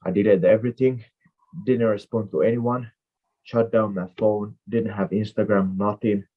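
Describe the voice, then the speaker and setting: On narrow, tinny audio, a lowish male voice with fairly even intonation speaks at normal speed. He is an MMA fighter in his twenties, raised in Finland with Finnish as his first language, and his interview answers meander with many fillers.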